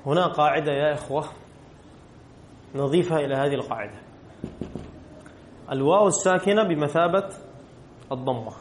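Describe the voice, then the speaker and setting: A man teaches a grammar lesson in a classroom, with a slightly raised pitch. He keeps quizzing the students and going back over the rule. The room echoes, with a faint hum behind him. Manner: asks the class questions and answers them himself, repeats key rules.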